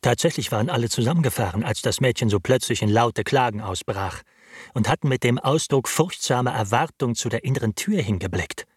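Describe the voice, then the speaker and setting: A man narrating a classic novel as an audiobook, in a measured, expressive storytelling manner. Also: medium pitch, breathy edge, no room sound, clean studio sound.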